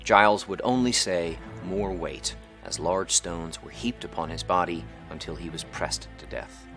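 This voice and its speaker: A man reading a scripted plot summary in a measured, evenly paced way, with faint music behind. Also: deep voice. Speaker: narrator. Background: faint background music.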